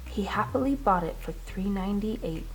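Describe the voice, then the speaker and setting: A woman reading a rhymed children's storybook aloud in an expressive, rhythmic way with dramatic emphasis. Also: medium pitch, normal speed, rough recording. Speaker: children's storybook reader, teacher.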